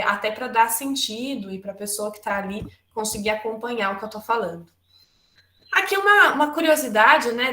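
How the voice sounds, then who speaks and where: Woman lecturer on a webinar, slightly high voice, conversational and loose, checks in with "right?" tags often; roomy, echoey sound. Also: bright, forceful tone. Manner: conversational, frequent "né?" tags and restarts.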